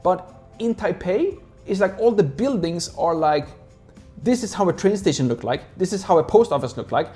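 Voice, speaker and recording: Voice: medium pitch, lively intonation, moderate pace, dark tone, faint music behind. A speaker who grew up in Sweden, chatting casually and rambling with lots of "like" fillers. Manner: rambling, heavy use of "like" fillers. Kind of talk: casual chat.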